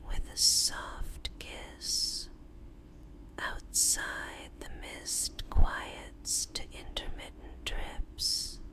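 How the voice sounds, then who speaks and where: A woman in a whispered role-play as a tender, devoted girlfriend, speaking soothingly in a breathy, unvoiced whisper with drawn-out pauses. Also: bright, forceful tone. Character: tender, devoted girlfriend lulling her lover to sleep.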